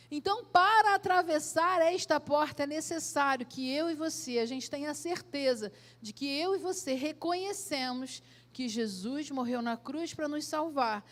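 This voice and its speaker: A woman pastor with a Brazilian accent preaching a sermon in a church, asking direct questions and swelling loud then dropping soft. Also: high voice. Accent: Brazilian Portuguese.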